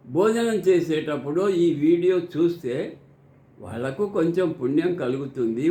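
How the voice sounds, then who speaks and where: Slow, earnest older man in echoey room. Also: on the high side, darkish tone. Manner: slow, earnest, preacherly delivery. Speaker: scripture reader and teacher. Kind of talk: devotional scripture recitation with explanation.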